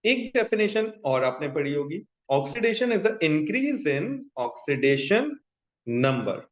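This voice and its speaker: A man's voice: fairly high pitch, very animated, quick pace. A man with a Pakistani accent teaching a class in an instructive way, repeating key terms and often checking that students follow. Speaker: chemistry teacher. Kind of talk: classroom lecture mixing explanation and questions to students. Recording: dull, echoey room sound.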